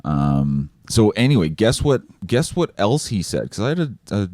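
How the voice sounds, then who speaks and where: A man's voice: on the low side, big pitch swings, normal speed, darkish tone, dry recording, studio quality. A man co-hosting a podcast, telling rambling anecdotes in casual chat. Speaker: podcast co-host.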